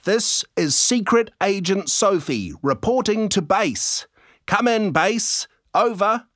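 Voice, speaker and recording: A man voicing a cheerful young girl who plays secret agent on a farm, in a bright, playful way. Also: sits high, animated, slow, no room sound, clean studio sound, voice pushed up, exaggerated voice.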